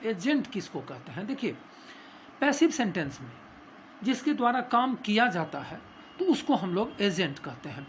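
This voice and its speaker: Indian guy teaching grammar, really slow, lots of uh pauses, bit of hiss behind. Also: high voice. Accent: Indian English. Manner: slow, hesitant, explanatory, frequent filler pauses. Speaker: English teacher. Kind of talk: classroom grammar lesson, Hindi mixed with English.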